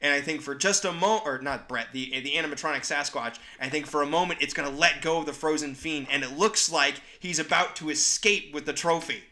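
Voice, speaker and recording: A man co-hosting a podcast, narrating a made-up story in animated, casual chat. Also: on the high side, brisk, few pauses. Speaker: podcast co-host.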